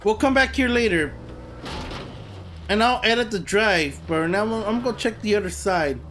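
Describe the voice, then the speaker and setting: A man giving chatty let's play commentary over a game, excitable and swearing. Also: high-pitched, normal speed, slight background noise. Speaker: gameplay commentator.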